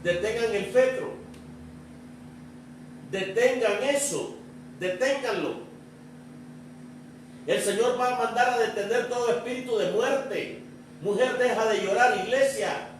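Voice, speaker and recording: A man's voice: very high voice, a little slow, pauses often, a little hiss or hum. A man preaching a sermon as pastor, driving his points home with repeated rhetorical questions to the congregation. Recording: echoey church room, distant mic.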